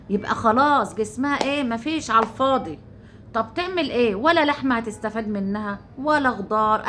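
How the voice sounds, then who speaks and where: A woman's voice: sits high, fairly bright tone, a little hiss or hum. An Egyptian woman vlogger talking casually to her viewers, chatty and repetitive, coaxing them as her dears.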